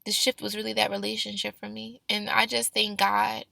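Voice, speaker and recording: A woman's voice: mid-range voice, little pitch movement, a little fast, vocal fry, sharp tone, no echo. A woman sharing a personal faith testimony in an upbeat, fervent youth-pastor manner, speaking informally and directly to her listeners.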